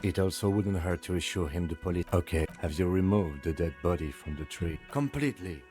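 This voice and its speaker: An actor voicing a composed, formal police lieutenant in a video game, with a low voice and calm, measured speech. Each line is delivered politely and without hurry, with soft game music faintly behind. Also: male voice, close to an everyday voice. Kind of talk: scripted game dialogue.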